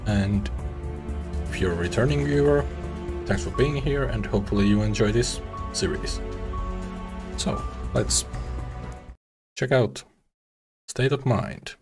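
A young man from Finland casually talking over a game he is playing for the first time, chatty and relaxed with small restarts, on a headset mic at home. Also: mid-range voice, slow, creaky, pauses often, over music. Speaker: gaming streamer. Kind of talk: casual let's-play commentary.

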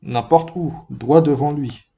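A man's voice: fairly high pitch, a little slow, creaky, mellow, lo-fi sound. A man reading aloud, voicing a small, earnest, curious boy prince in a storybook reading. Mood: pensive.

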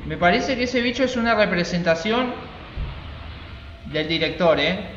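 A young man commenting on his game, excitable and jokey, swearing and taunting the monsters. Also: high-pitched, a little slow, reverberant, lo-fi sound, a little hiss or hum. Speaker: gaming channel host. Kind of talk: let's play commentary.

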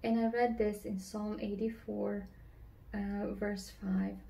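A woman in her thirties from Romania, telling her personal faith story in an earnest, slightly halting way, seated at a table at home. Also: mid-range voice, little pitch movement, gravelly, mellow, low-quality recording. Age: 30s. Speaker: church member giving testimony. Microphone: camera across the table.

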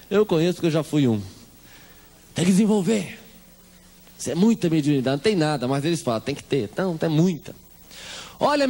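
Lively Brazilian man giving church testimony. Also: fairly high pitch. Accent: Brazilian Portuguese. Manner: animated storyteller acting out quoted voices. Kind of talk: humorous testimony to a congregation.

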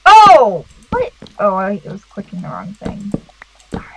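A woman chatting casually as a guest while gaming, bubbly and quick to laugh. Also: medium pitch, expressive, vocal fry, over loud music, low-quality recording. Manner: giggly and bubbly. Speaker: guest gamer.

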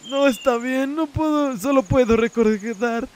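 Swearing Mexican Spanish gamer, high voice. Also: male voice, a little slow, background noise. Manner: swears freely, mutters while translating. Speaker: gameplay commentator. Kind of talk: casual let's play commentary.

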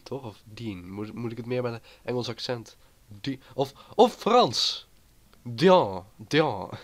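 A man with a cold talks through his gameplay in a loose, rambling way. He chats on at an ordinary pitch, jumping from one thought to the next. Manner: rambling and chatty. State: has a cold. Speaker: gaming YouTuber. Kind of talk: casual gameplay commentary.

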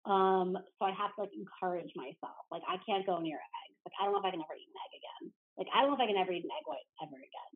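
A woman's voice: mid-range voice, rapid-fire, hardly any pauses. Chatty woman on a tinny line. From New Jersey. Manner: chatty, fills speech with "like". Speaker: podcast guest. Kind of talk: casual interview chat.

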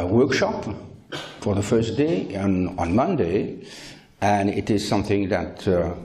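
A man's voice: fairly low pitch, dark tone. Older man giving a keynote. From France. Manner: measured, frequent "uh" pauses, plainspoken opinions. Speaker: conference keynote speaker. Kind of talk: conference keynote talk. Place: lecture hall. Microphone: handheld mic.

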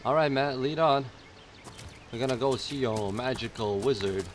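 A man commentates on a video game in a casual, joking way, with crude slang. His voice is mid-pitched, with faint noise and game sounds behind it. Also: moderate pace. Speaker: gameplay commentator.

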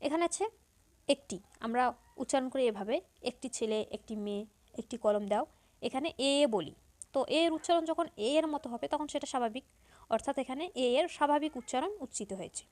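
A woman teacher explaining pronunciation to school students, repeating example words slowly and step by step. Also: sits high, darkish tone. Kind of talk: Bengali grammar lesson for school students.

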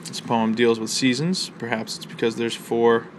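A man teaching a college literature lesson, explaining a poem's rhythm and imagery in a measured way with fillers and pauses. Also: medium pitch, flat delivery, slight background noise. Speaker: college instructor. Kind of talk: recorded literature lecture. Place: outdoors near a library.

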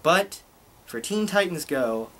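In a small bedroom, a young man reviews TV for a webcam in a casual vlog, taking his time and restarting his sentences loosely. His voice is slightly high, animated, and a bit bright.

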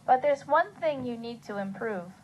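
A woman voicing a kind mother who praises her son in a textbook listening dialogue, delivered in a clear, carefully paced scripted style. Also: fairly high pitch, lively intonation, a little slow, dull audio, a little hiss or hum. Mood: encouraging.

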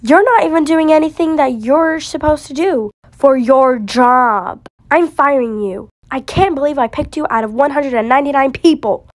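A woman's voice: high voice, normal speed, hardly any pauses, dry recording, clean studio sound, lightly acted. A girl voicing a rude, bossy rich businessman in a toy-game role-play, scolding and impatient.

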